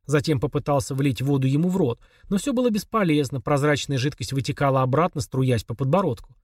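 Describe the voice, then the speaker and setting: A man reading a horror novel aloud as narrator, in a slow, dramatic manner with quiet pauses. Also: mid-range voice, no echo, clean studio sound. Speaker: audiobook narrator.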